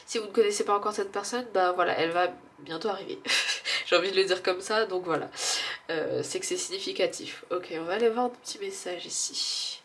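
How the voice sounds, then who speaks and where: A woman with a stuffy nose doing a casual oracle card reading, musing and hesitant, with frequent fillers and soft laughs at herself. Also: lowish voice, fairly quick, a little hiss or hum.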